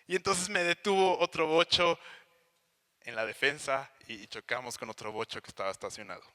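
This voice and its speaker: A man's voice: mid-range voice, fairly quick, sharp tone, big-room sound. A young man with a Mexican accent preaching a sermon, telling a personal story with acted-out voices and sound effects. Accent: Mexican Spanish. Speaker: pastor.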